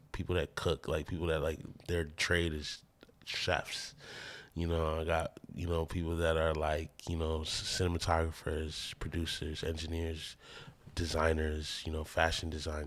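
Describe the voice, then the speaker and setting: A man from the American Midwest, a musician guest talking in a loose, rambling, laid-back way on a casual podcast. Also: rumbling low.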